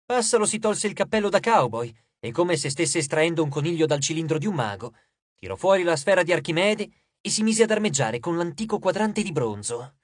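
High and animated, the narrator's voice swings through each sentence as he briskly and expressively tells the story. He is a man reading an audiobook, captured in a close, dry recording.

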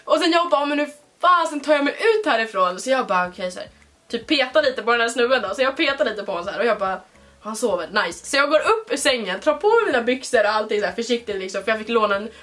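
A young woman vlogger telling a story in a casual, animated way, full of fillers. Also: a little high. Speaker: vlogger host.

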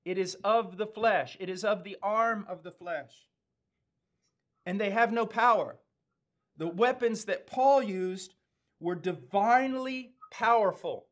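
A man in his fifties with an American accent, preaching a sermon in a slow, earnest, emphatic way with weighty pauses, seated in a studio. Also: high voice, fairly bright tone. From United States. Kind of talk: sermon teaching. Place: studio with dark backdrop, indoors.

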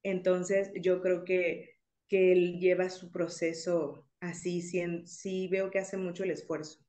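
A woman's voice: fairly low pitch, little pitch movement, takes it slowly, mellow. A woman thoughtfully sharing a personal faith testimony in a conversation. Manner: reflective, thoughtful, with filler words.

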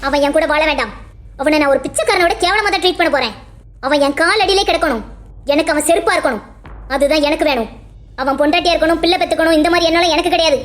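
Spiteful young woman for a cartoon, a woman voicing her, defiant and rapid. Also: high voice, a bit bright. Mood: sneering. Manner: cold, defiant, sneering. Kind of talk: Tamil cartoon voice acting.

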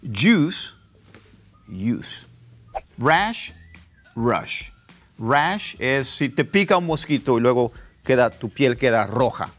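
A man teaching an online pronunciation lesson, repeating words slowly for drill. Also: mid-range voice, faint music behind. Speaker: English teacher.

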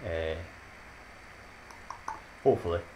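Speaking slowly in a low voice against a noisy background, a Scottish man in his thirties chats casually with his viewers in a vlog outro. The YouTuber rambles in good spirits, laughs at his own jokes and drops motivational sayings from a small, dim room at home.

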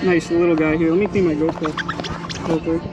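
A young man in his twenties giving chatty, excited running commentary while fishing from a small boat, recorded on a body-worn action camera. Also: on the high side, fairly quick, highs cut off. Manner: excited, chatty, calls viewers "guys" and "bro". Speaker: fishing vlogger host. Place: outdoors on a small boat on a bay. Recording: music playing underneath.

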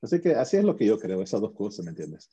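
A man's voice: lowish voice, huge pitch swings, quick pace, warm tone, slightly rough. A man being interviewed as a guest, recounting his experience in an earnest, conversational way, with frequent restarts and tag questions. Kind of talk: casual conversational storytelling. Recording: muffled lo-fi audio.

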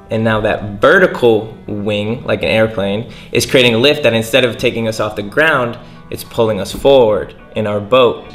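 In a casual indoor lesson by a window overlooking the water, a young man explains sailing in simple terms, gesturing as he talks. His voice is on the low side, with a slightly bright tone.

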